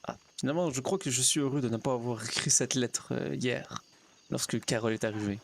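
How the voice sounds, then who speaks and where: A man's voice: mid-range voice, brisk, creaky. A man role-playing a naive pastor in a game, chatting to himself and coaxing his horse. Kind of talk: in-character role-play narration.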